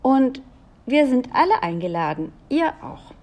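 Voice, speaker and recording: A woman voicing an excited young girl in a read-aloud children's story, speaking emphatically. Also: unhurried, full character voice. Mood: eager. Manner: bright, emphatic, pitched up. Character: excited girl, Julia, eager to convince her parents.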